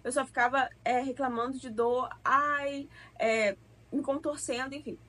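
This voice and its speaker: A woman's voice: high-pitched, fairly even intonation, a little slow, fairly bright tone. A young woman from Brazil telling a personal story to her viewers in a chatty, emotional way. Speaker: vlogger.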